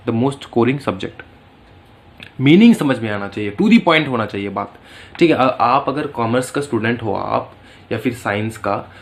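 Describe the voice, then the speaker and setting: Brief: a chatty male tutor, explaining through stories, in a voice pitched at an average height. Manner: chatty, storytelling, calls students "beta". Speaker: teacher. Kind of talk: casual Hindi-English exam lecture.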